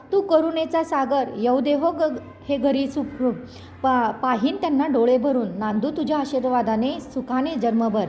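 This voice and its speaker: A woman's voice: sits high, a little mellow, slight background noise. A woman voicing a devout young mother who pleads with the gods in tearful prayer for her husband's safe return.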